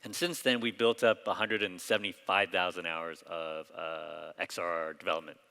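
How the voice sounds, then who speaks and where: A man's voice: low voice, normal speed, vocal fry. Man presenting in a reverberant hall. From Hong Kong. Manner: relaxed, loose delivery with frequent fillers and restarts. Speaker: company founder presenting at a conference. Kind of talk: conference presentation. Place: large conference hall.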